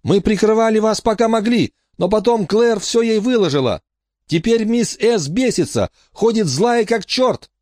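Jittery fussy kid, squeaky high panicky voice, lots of bounce. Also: male voice, expressive, moderate pace, a little mellow, no echo, clean studio sound. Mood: urgent. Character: anxious boy Horace, fussy and jittery.

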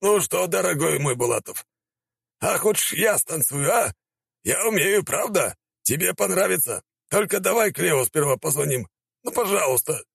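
A man voicing an excitable middle-aged male prefect who wheedles and fawns. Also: on the high side, moderate pace, vocal fry, breathy edge, no room sound, voice pushed up, exaggerated voice. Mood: fawning. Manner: wheedling, shouting, ingratiating.

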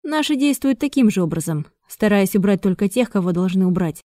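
A woman voicing a calm, self-assured male agent who explains things with conviction. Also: mid-range voice, a little fast, dry recording, studio quality, close to an everyday voice. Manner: confident, explanatory.

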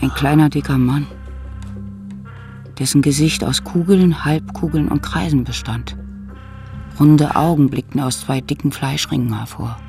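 A man narrating a radio play in a quiet, reflective way. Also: fairly high pitch, steady tone, unhurried, creaky, pauses often, faint music behind.

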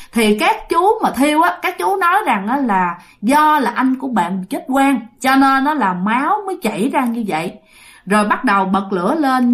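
A woman with a Southern Vietnamese accent telling a ghost story, chatty and speaking straight to her listeners. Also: a little high. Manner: chatty, addresses listeners directly.

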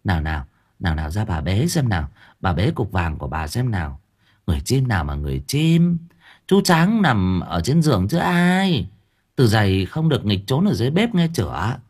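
A man voicing a doting old village grandmother who coaxes and fusses in a soft, low voice. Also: very animated, normal speed, gravelly, slightly rough, exaggerated voice. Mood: coaxing. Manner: soft, coaxing and fussing.

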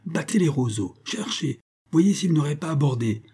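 A man voicing a furious veiled woman who leads a gang, barking orders in a raised, higher voice. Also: expressive, fairly quick, breathy edge. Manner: commanding, shouting orders.

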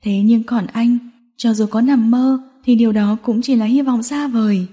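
A woman narrating a romance novel audiobook in a steady storytelling manner. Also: on the high side, normal speed.

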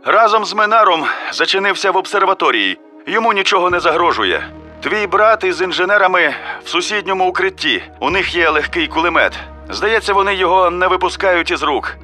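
Man doing a breathless high-voiced radio caller. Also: lively intonation, fairly quick, pushed and bright, faint music behind, full character voice. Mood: tense. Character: breathless man radioing urgent news under siege.

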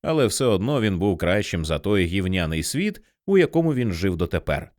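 Male audiobook narrator, expressive and dramatic, dry close sound. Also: low-pitched, fairly quick, no room sound. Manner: lively, dramatic storytelling.

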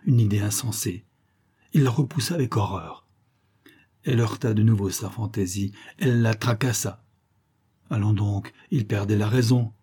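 A man narrating a short story as an audiobook, measured and expressive. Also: lowish voice, slightly rough.

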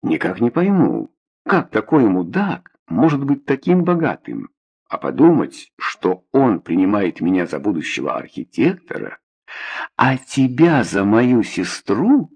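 A man's voice: fairly low pitch, wildly swooping pitch, unhurried, darkish tone, husky, dull audio, exaggerated voice. A man voicing a rude, greedy young male pool hustler in an audiobook, curt and sarcastic.

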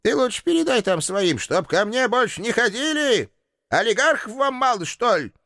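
A man reading an audiobook, voicing a cantankerous old village landlady who scolds and threatens in a shrill, creaky old-woman voice. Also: big pitch swings, normal speed, fairly bright tone, no echo, studio quality, heavily acted. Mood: scolding.

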